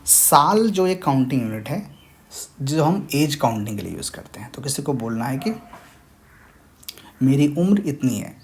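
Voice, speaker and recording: A man's voice: medium pitch, animated, normal speed, pauses often. A young man, a language teacher patiently explaining a lesson step by step. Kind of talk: screen-share tutorial explanation.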